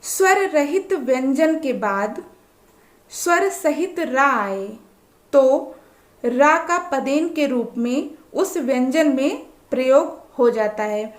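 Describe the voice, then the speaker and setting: A woman's voice: high-pitched, animated, takes it slowly, echoey room. A woman teaching a grammar lesson, explaining patiently and asking the learner questions as she goes.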